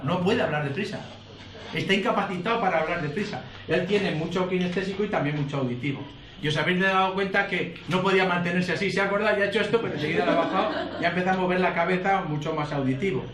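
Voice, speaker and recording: A man lectures a workshop group in a high, lively voice, throwing quick questions at them. He sits far from the mic in an echoey room with faint background hiss. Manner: explains with frequent tag questions to the group. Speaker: course instructor. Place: lecture room in front of an audience. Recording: roomy amateur recording from afar.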